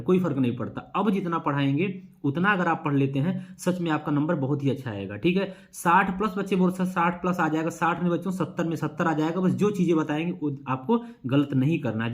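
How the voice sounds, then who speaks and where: A man's voice: a little high, darkish tone. A man hosting a science lesson channel, talking casually and encouragingly to his students, repeating himself often. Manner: encouraging, repetitive, addresses students directly. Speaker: science teacher and channel host.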